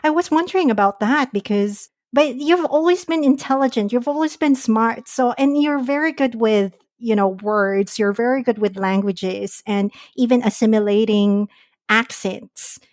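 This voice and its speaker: A woman's voice: fairly high pitch, normal speed, darkish tone, dry recording, clean studio sound. A woman from the Philippines hosting a podcast, talking in a thoughtful, friendly, casual way. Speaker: podcast host. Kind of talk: casual conversation. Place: at home in Singapore.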